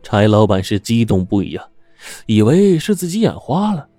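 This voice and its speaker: A man narrating a serialized story in a steady, dramatic storytelling manner. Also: fairly low pitch, normal speed, no room sound, faint music behind.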